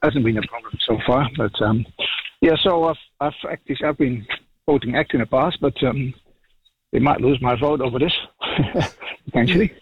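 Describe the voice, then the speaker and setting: A middle-aged Dutch dairy farmer from the Netherlands calls in to a radio show, his mid-range voice husky and at normal speed, with phone-quality sound. He talks casually, full of ums and restarts, in a relaxed radio phone chat.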